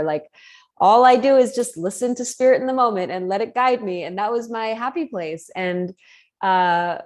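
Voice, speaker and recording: A woman's low-leaning, darkish voice comes through a video call mic during a live call. Speaking as a coach, she earnestly works through thoughts about commitment out loud, often restarting and filling gaps with fillers.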